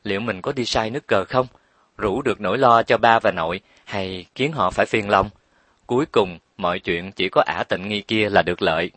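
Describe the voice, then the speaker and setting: A man narrating a romance story with steady, expressive storytelling. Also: fairly low pitch, normal speed, no echo. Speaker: audiobook narrator.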